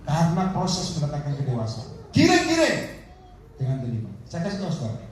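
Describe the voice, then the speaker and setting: A man preaching with great animation, his voice jumping high and low as he acts out scenes and calls for an amen. His voice is high for a man. It is heard from a distance in a hugely echoing hall. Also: huge pitch swings, fairly quick. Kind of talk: lively sermon. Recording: distant, very echoey hall with faint noise.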